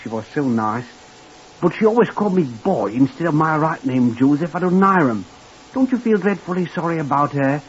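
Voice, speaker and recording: In old-time radio acting, a man with a voice on the high side plays a simple, eager young hotel lift boy from Blackpool, Lancashire. He sounds animated and natural at a moderate pace, rambling deferentially and calling everyone sir. The old recording is muffled, with hiss.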